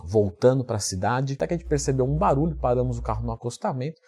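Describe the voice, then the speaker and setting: A man from Brazil, a fitness coach and YouTuber, telling a story in a vlog with lively acted-out dialogue. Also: mid-range voice, fast talker, breathy edge. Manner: animated storyteller who acts out quoted dialogue.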